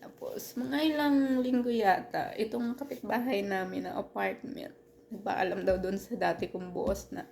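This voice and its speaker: A woman telling a personal story in casual storytime style, halting with many restarts and fillers, earnest and turning heated at times. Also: mid-range voice, steady tone, gravelly, a little mellow, a little hiss or hum.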